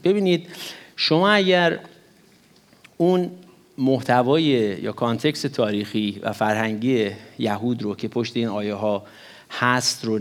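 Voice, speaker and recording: A man preaching a sermon, teaching with animated rises in emphasis and now and then slipping English words into his talk. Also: medium pitch. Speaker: pastor.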